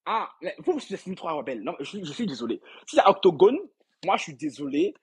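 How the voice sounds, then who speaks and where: This gossip stream host has a high, creaky, somewhat rough voice that swings widely in pitch, and he talks briskly. Reading viewer comments in a casual way, he rambles, laughs often, repeats words and speaks straight to the people watching.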